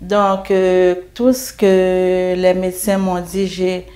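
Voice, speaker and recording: A middle-aged woman speaks slowly and evenly, her voice mellow and dark with little rise or fall. She shares an earnest faith testimony, hesitating and repeating words as she gathers her thoughts. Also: lowish voice, flat delivery. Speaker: interview guest giving a testimony.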